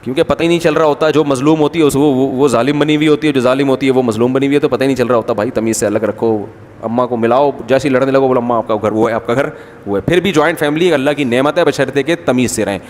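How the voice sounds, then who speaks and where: A man's voice: mid-range voice, fairly even intonation, a little mellow, big-room sound, a little hiss or hum. A man, an Islamic scholar, giving a conversational religious lecture in a wry manner, often slipping into the voices of quarrelling relatives to make his point.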